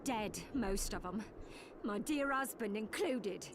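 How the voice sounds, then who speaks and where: An actress with an English accent playing an earnest, grieving widow out for vengeance in a video game. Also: female voice, mid-range voice, expressive, takes it slowly, noisy background. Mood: shaken, grieving. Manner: earnest, dramatic. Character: grieving, vengeful young widow pleading for help.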